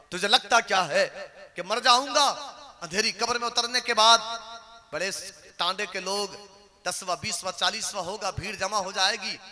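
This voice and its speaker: A man preaching a sermon, swinging between hushed passages and loud, impassioned ones. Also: high voice.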